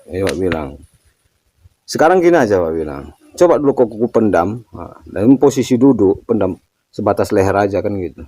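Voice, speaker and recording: Older man with a lively, mellow voice. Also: fairly low pitch, a little fast. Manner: storytelling, ends phrases with "kan gitu". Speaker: religious teacher answering a question. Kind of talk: casual spiritual talk.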